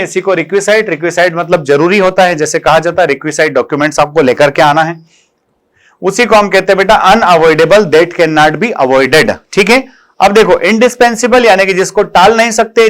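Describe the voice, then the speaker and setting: Young male exam-prep tutor, fairly high voice, affectionate and repetitive question-and-answer teaching. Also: fairly bright tone. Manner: addresses students fondly as "beta" and "bachche", asks and answers his own questions. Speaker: English vocabulary teacher. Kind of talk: online exam-prep lesson.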